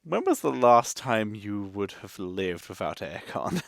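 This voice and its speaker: Lively man from Essex. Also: fairly low pitch, measured pace, vocal fry, no room sound, clean studio sound. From Essex, England. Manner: explains at length, laughs often. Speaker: co-host. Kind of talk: casual reaction chat.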